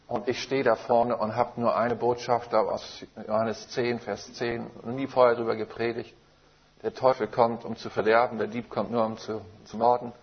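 A preacher tells his testimony from the pulpit with emphatic, vivid storytelling. He speaks at a middling pitch for a man. The recording is muffled and a bit lo-fi. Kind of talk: testimony sermon.

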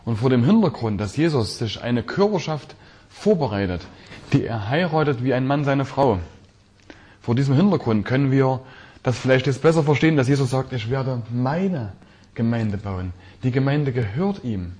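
Emphatic preacher, repeating phrases slowly. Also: male voice, mid-range voice, lively intonation, darkish tone, husky. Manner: emphatic, repeats key phrases with shifting stress; reads scripture aloud slowly and deliberately. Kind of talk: sermon.

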